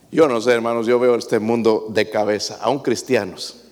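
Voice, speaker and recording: A man's voice: lowish voice, fairly even intonation, normal speed, darkish tone, in a large hall. A man preaching a sermon as pastor, asking his congregation questions as he goes.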